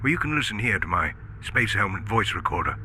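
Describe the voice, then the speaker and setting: A man playing a kindly, hopeful rocket captain in a retro radio space adventure, gently commanding and a little wistful. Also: fairly low pitch, sing-song, quick pace, a little hiss or hum, full character voice. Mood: gentle, earnest. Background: music.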